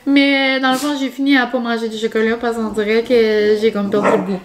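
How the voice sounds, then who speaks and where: A woman's voice: fairly high pitch, level tone, fairly quick, crowd noise. A woman talking casually to her vlog camera at home, rambling and chatty with lots of fillers. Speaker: vlogger. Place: home, indoors.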